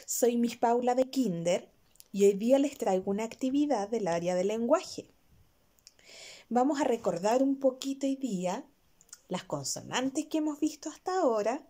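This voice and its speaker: A woman's voice: a little high, warm tone. A young woman, a kindergarten teacher giving a video lesson to small children, drawing out each syllable and coaxing them with questions.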